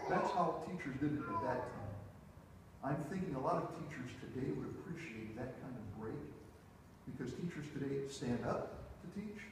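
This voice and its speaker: A man's voice: on the high side, darkish tone, a little hiss or hum. A middle-aged man preaching a sermon as pastor, telling the story while he moves about the stage. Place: church sanctuary, large indoor room. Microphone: distant room mic, preacher away from the camera. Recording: echoey church hall heard from far off.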